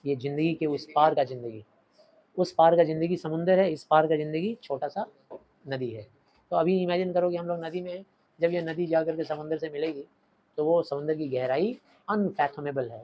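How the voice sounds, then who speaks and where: A man teaching a short story in Hindi, reading English lines with an Indian accent and acting out quoted lines before dropping to quiet asides. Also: a little high, highs cut off. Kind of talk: explaining a story in Hindi lecture.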